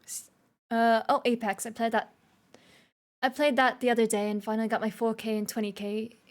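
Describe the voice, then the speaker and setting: A woman live-streamer chatting casually with her viewers. Her voice sits a little high, and she giggles often as she rambles from one thought to the next. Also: flat delivery, normal speed.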